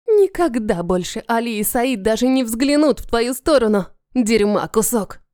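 A woman's voice: fairly high pitch, animated, normal speed, darkish tone, no echo, studio quality, close to an everyday voice. A woman voicing a fierce, defiant young captive she-wolf who growls her lines. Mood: furious.

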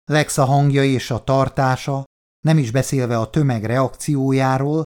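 Man reading an audiobook, measured. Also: mid-range voice, fairly even intonation, a little mellow. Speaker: audiobook narrator. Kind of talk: scripted narration.

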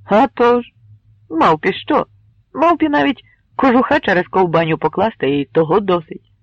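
A brash, hot-tempered Cossack who jokes and bellows, as a man puts him on. His voice sits raised and husky with a gravelly edge. The sound is dull and muffled. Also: high-pitched, moderate pace, no room sound, voice pushed up. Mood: joking. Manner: loud, excited, joking.

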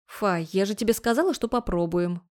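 A woman's voice: mid-range voice, fairly quick, a little mellow, lightly acted. A woman voicing an exasperated, defensive middle-aged mother in an audiobook.

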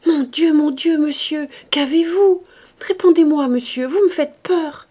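A woman's voice: expressive, unhurried, breathy edge. A woman voicing a devoted, pious aging female servant who pleads and cries out. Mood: frantic pleading. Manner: pleading, crying out high and loud.

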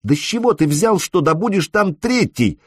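Guy doing a worried young gamer girl, pleading and scolding, husky voice pushed up high, lively swings. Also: normal speed, dry recording, clean studio sound. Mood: anxious, scolding. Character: young woman gamer, anxious, clingy, fiery.

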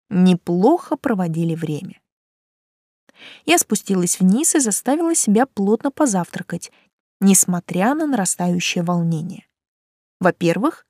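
A woman narrates a first-person audiobook with an animated, sweeping pitch. The reading is expressive, recorded close and dry with no room sound. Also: no echo.

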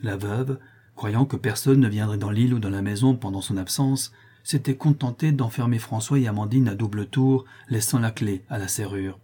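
Husky, dark-toned male narrator. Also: lowish voice, normal speed. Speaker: audiobook narrator. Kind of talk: scripted narration.

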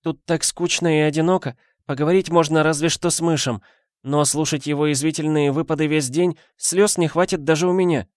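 A man doing a meek, tearful little painted girl in a storybook, her voice pitched far up and plaintive. She whimpers her lines softly and pleadingly. The sound is close and dry. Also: steady tone, fairly quick, no echo, natural voice. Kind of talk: audiobook character voice.

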